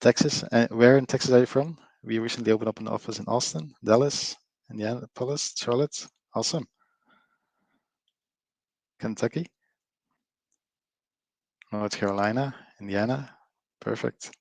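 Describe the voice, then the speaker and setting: A middle-aged Flemish Belgian man, a company co-founder, presents a live webinar in a chatty style full of fillers, often drawing in his audience. His mid-range voice is creaky and a little mellow, at normal speed with long pauses, in a dry recording.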